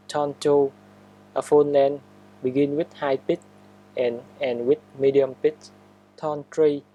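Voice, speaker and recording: Slow, mellow-voiced man teaching a language. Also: mid-range voice, poor audio. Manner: careful, measured explanation. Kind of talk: scripted lesson narration.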